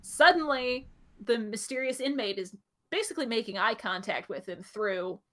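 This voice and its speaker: Animated and a little high, this woman's voice keeps a moderate pace. As a podcast co-host, she muses aloud about a TV episode in loose conversation, theorizing with plenty of "like" and "I was like" fillers.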